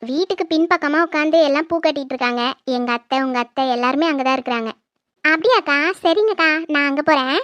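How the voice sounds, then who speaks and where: A high, light voice in homely family chatter, acting out one relative after another. The recording is close and dry, with no room sound. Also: quick pace, fairly bright tone, dry recording. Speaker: creator acting every family role. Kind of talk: comedy skit acting.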